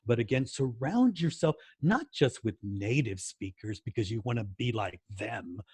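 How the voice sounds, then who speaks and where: A man's voice: medium pitch, lively intonation, normal speed, a little mellow, husky, no room sound. An American man answering interview questions in a casual way, with many fillers and restarts and words repeated for emphasis. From United States. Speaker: guest language educator.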